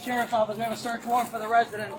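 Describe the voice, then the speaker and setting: A male sheriff's officer calling out loud, commanding search warrant announcements, as police do at a door. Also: very high voice, little pitch movement, very fast. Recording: noisy outdoor police bodycam audio.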